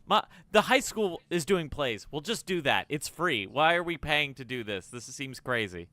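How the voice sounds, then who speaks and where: A man in his mid-thirties hosts a relaxed conversation, rambling and self-deprecating. His voice is clean and bright, recorded close and dry with no room sound. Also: on the high side, normal speed, no room sound. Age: 30s. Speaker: host. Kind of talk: casual chat.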